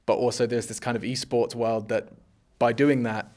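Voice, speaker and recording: A man's voice: medium pitch, little pitch movement, moderate pace, a little mellow. Chatty man, joking interview guest. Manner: chatty, self-deprecating, joking. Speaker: esports caster, guest. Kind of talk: casual interview chat.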